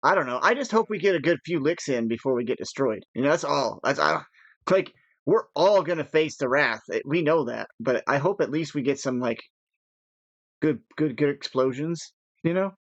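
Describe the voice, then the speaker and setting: A man chatting casually while gaming, rambling with nervous laughs and animated asides. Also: fairly high pitch, moderate pace, vocal fry, no echo, muffled recording. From United States. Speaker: gaming podcast co-host.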